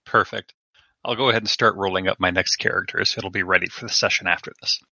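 A man who plays at the table and edits the show makes wry asides. His tone is bright and forceful, and the sound is dry and close. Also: low-pitched, steady tone, fast talker, breathy edge, no echo, muffled recording. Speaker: podcast editor and player.

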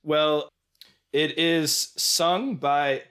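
Sick with a cold and losing his voice, an American podcast co-host in his thirties rambles and jokes through a casual film chat. He talks extremely slowly in a fairly high, fairly even voice that is clear, resonant, and fairly bright despite some congestion.

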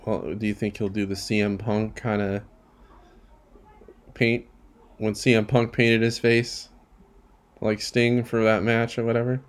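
A man's voice: fairly low pitch, flat delivery, a little slow, long pauses. A man co-hosting a casual wrestling podcast, giving opinions with hesitant restarts. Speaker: podcast co-host.

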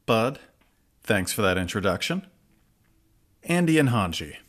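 A man's voice: on the low side, very animated, a little slow, a bit bright. A man hosting an interview, asking questions in a dry, wry way with filler words. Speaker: host.

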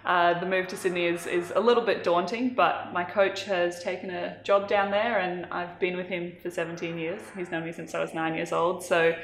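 A woman's voice: fairly low pitch, reverberant, a little hiss or hum. A woman in her twenties, born in Malawi, chatting as an interview guest in a casual, self-deprecating way. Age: 20s.

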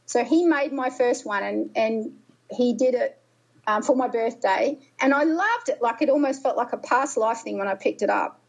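A woman's voice: a little high, moderate pace, creaky, rough recording. A middle-aged woman guest chatting casually on a podcast, rambling with many fillers and restarts. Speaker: guest musician.

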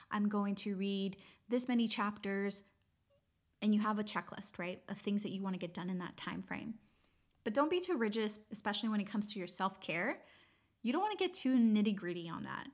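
A woman hosting a conversational advice podcast in an upbeat, encouraging and reassuring manner, walking through organized, step-by-step tips. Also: medium pitch. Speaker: podcast host and productivity coach.

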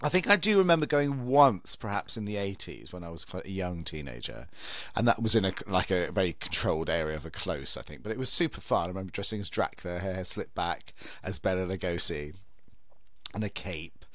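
A man's voice: low voice, expressive, a little fast, fairly bright tone, dry recording, clean studio sound. A British man in his fifties chatting casually as a podcast host, rambling with false starts. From United Kingdom. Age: 50s. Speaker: podcast host, drag queen horror host.

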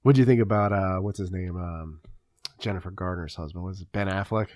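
A man's voice: low-pitched, fairly quick, darkish tone, dry recording. A laid-back man chatting about movies as a podcast co-host, agreeable and often hesitating with fillers. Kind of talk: casual chat about movies.

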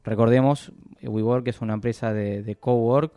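Man, radio interview guest, hesitant explanations, mid pitch, dry close sound. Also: fairly even intonation, dark tone, no room sound. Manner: measured, explanatory, many hesitations and restarts. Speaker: economic analyst guest.

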